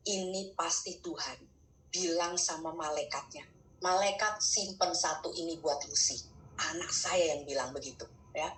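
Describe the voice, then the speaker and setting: An older woman telling a personal faith story, lively and excited in places and hushed in others. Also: sits low, roomy sound, a little hiss or hum, low-quality recording. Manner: animated, gets excited and fast when retelling, quiet and hushed at reflective moments. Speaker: speaker sharing a testimony.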